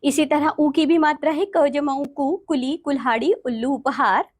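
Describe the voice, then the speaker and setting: A woman teaching a grammar lesson to children, slowly spelling out letters and speaking to them directly. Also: high-pitched, fairly even intonation. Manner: slow, deliberate spelling-out of letters.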